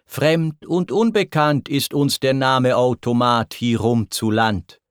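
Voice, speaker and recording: A man reading a verse poem, voicing curious villagers who ask excited, wondering questions. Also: mid-range voice, slow, clean tone, dry recording, studio quality, pitched above the performer's own voice, lightly acted. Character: curious gossiping villagers, mixed crowd.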